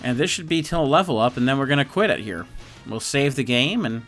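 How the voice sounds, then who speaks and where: A man hosting a let's play, rambling casually through gameplay commentary in a quiet, easygoing way. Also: medium pitch, lively intonation, fairly quick, soft background music.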